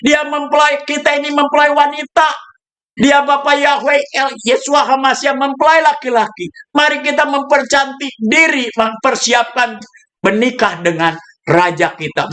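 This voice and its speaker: A male pastor preaching a sermon, telling stories with sudden shouted bursts and dropping English phrases into his talk. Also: very high voice. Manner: storytelling with shouted bursts and laughs.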